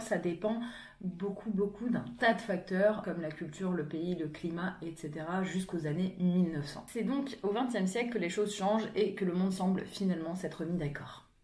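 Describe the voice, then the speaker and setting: A woman's voice: medium pitch, darkish tone. A young woman vlogging in a frank, chatty way, talking casually with plenty of fillers. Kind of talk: casual explanatory vlog monologue. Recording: echoey room.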